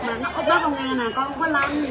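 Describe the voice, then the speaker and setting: High-voiced shop owner. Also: female voice, steady tone, a loud crowd. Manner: rapid, blunt teasing banter with staff, laughing often. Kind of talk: livestream sales chat.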